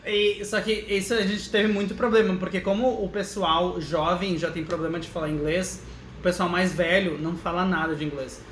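A man's voice: sits high, level tone, moderate pace, reverberant, a crowd in the background. A man chatting as a podcast guest, telling stories with frequent laughs and restarts. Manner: chatty storyteller, laughs often, restarts mid-sentence. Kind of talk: casual chat.

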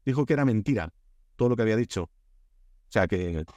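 A man with a lowish voice and a Spanish accent talks quickly, with no room sound in the recording. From Spain, he's a guest on a relaxed podcast, billed as a Korea expert, and his lively storytelling is full of restarts and fillers.

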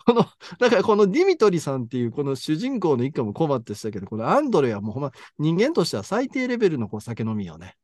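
Kansai man, podcast co-host, lively swinging delivery, dry close mic. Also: on the high side, quick pace, hardly any pauses, dry recording. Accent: Kansai Japanese. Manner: animated storyteller, reads passages aloud. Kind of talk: casual book chat.

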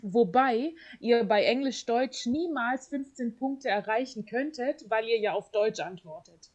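A young woman chatting casually as a podcast co-host, telling a story in slangy, lively language and laughing often. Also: fairly high pitch, measured pace, muffled recording. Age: young adult. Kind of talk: casual chat.

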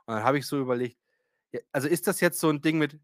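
A man's voice: a little high, fast, dry recording, studio quality. A man in his thirties wryly retelling an anecdote in a casual chat, often laughing as he talks. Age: 30s.

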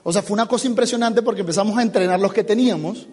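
A man giving an animated motivational business seminar talk, acting out little dialogues as he goes. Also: sits high, rapid-fire, breathy edge, big-room sound. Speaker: business speaker.

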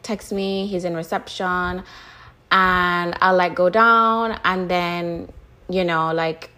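A woman hosting a solo podcast, talking through personal reflections in a candid, chatty way, full of "like" and "you know" and quick laughs. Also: medium pitch, fairly bright tone. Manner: casual and chatty, many fillers like "like" and "you know"; candid, laughs now and then. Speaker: podcast host.

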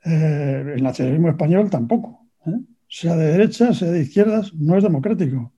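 An older man from Spain, a retired navy officer, answering an interview question with deliberate, argumentative points and frequent pauses. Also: a little high, animated, warm tone, breathy edge. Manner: deliberate and argumentative, pausing on fillers. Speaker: retired navy captain, guest. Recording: dull lo-fi recording.

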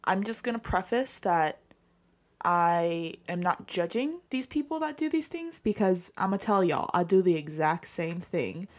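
A young woman with a slightly low voice co-hosts a laid-back podcast. She chats casually and jokingly, tossing out rhetorical questions. It comes across as a remote call recording. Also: sing-song, measured pace. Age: young adult. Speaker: podcast co-host. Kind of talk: casual chat.

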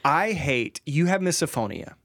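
A man's voice: fairly high pitch, normal speed. Playful joking man on a podcast. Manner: playful, joking, animated storyteller. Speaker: podcast co-host. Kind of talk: casual conversation with spouse.

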